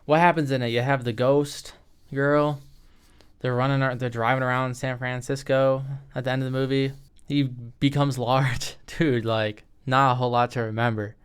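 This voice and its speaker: Casual rambling young man, smooth voice. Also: medium pitch, level tone, normal speed. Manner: rambling, self-interrupting, slangy. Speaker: video creator ranking movies. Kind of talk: casual tier-list commentary.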